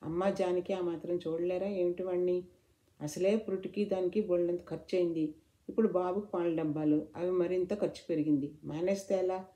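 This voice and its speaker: Brief: dismissive, money-minded husband in an audio story, low dark voice, done by a woman narrator. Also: fairly even intonation, fairly quick, lightly acted. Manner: brushing off, reasoning.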